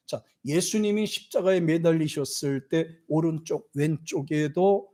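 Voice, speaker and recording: Korean pastor preaching, husky and lively. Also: male voice, fairly high pitch. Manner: preaches with dramatized quotes of scripture figures; leads congregation in reading scripture aloud. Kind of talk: sermon. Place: church sanctuary.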